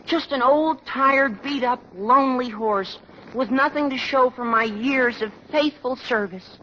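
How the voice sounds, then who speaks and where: A man's voice: very high-pitched, measured pace, sharp tone, exaggerated voice. An actor, a man playing an earnest, tactless teenage schoolboy with a whiny, awkward delivery in a 1940s radio sitcom. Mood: mournful pity. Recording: muffled old radio, studio audience, hiss.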